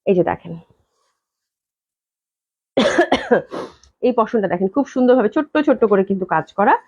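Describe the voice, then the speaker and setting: A woman from Bangladesh hosting a live clothing sale. She chats nonstop, repeats the price again and again and drops English phrases into her pitch. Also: animated, a little mellow, breathy edge. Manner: talks slowly on purpose to hold back a cough. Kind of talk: fast live-stream sales pitch. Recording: dull lo-fi live-stream audio.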